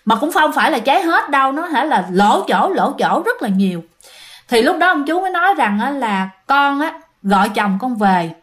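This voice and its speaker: This high, lively female voice moves at a moderate pace and has a slightly bright tone. She narrates a ghost story in a casual, chatty way, addressing her audience directly.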